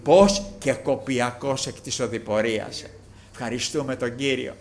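A middle-aged man preaching a fervent sermon, swinging between loud outbursts and hushed passages, often repeating refrains of praise. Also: medium pitch, fairly even intonation.

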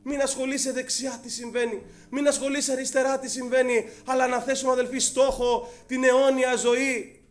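A man's voice: extremely high pitch, flat delivery. A male preacher giving a fervent sermon, addressing the congregation as brothers, with frequent hesitant fillers.

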